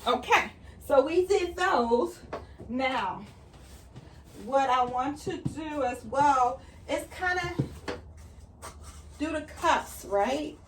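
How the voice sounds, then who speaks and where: A woman's voice: high voice, lively intonation, drawn-out words, pauses often, slight background noise. Chatty woman, slightly distant mic. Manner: chatty, explains each step as she works. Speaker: gardening vlogger. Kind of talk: casual how-to chat while working.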